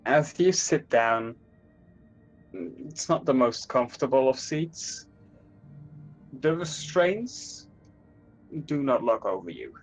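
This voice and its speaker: A man narrating a tabletop role-playing game as game master, in a measured, dramatic storytelling way. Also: medium pitch, animated, soft background music, rough recording.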